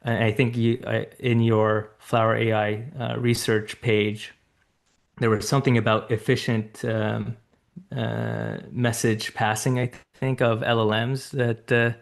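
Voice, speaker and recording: A man speaking in a workshop discussion on a video call, hesitant with many pauses. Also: mid-range voice, flat delivery, gravelly. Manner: hesitant, many fillers and restarts. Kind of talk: discussion after a talk.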